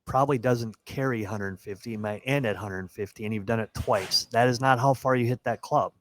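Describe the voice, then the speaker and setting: A man's voice: mid-range voice, fairly quick, fairly bright tone. A man co-hosting a golf podcast who gives emphatic advice, with a habit of repeating phrases. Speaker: golf podcast co-host, golf coach. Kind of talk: casual chat.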